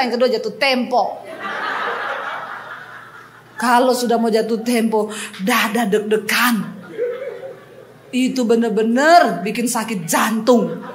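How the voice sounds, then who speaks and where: A woman's voice: high voice, a little hiss or hum. A woman pastor preaching a sermon to a congregation, telling personal stories with humor and speaking straight to her listeners. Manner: lively personal storytelling with humor, addressing the congregation directly. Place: church service before a congregation.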